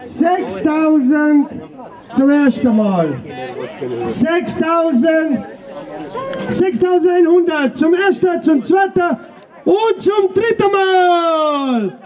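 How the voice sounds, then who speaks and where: Man calling out an auction, very high-pitched. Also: lively intonation. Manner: auctioneer's loud, drawn-out calling. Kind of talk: festive auction calling, shouted counts with drawn-out words. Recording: distant event pickup, music and crowd. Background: loud music and crowd.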